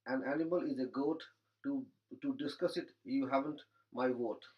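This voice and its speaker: A man's voice: medium pitch, normal speed. A man reciting rhyming comic verse in a dry, teasing way. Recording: dull lo-fi recording.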